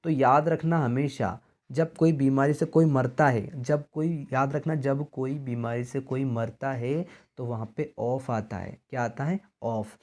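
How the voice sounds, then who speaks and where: A man's voice: mid-range voice, steady tone, unhurried, darkish tone. A young man teaches an exam-prep grammar lesson in an ordinary mid-range voice. He repeats each question back to his students and answers it himself.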